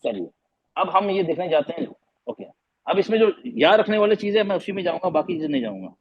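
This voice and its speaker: A man's voice: sits high, sing-song, fairly quick, slightly rough. A male teacher giving a lesson, repeating vowel sounds aloud and quizzing his students. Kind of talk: classroom lesson on Arabic vowels. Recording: dull lo-fi recording.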